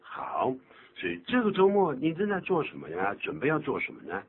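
A man's voice: medium pitch, wildly swooping pitch, fairly quick, breathy edge. A man hosting a radio English lesson, explaining patiently and joking as he exaggerates pronunciation. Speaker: English teacher and program host. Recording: tinny phone-like radio recording with faint hum.

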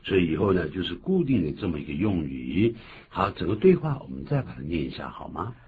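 A man co-hosting a bilingual radio English lesson, explaining phrases in a lively way and acting out short quotes. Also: low voice, brisk, gravelly. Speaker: English teacher co-host. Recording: phone-like lo-fi with faint hiss.

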